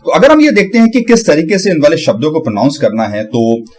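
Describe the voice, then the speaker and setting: Man slowly drilling hard words. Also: fairly high pitch, expressive, darkish tone. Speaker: channel host. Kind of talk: casual tutorial on pronunciation.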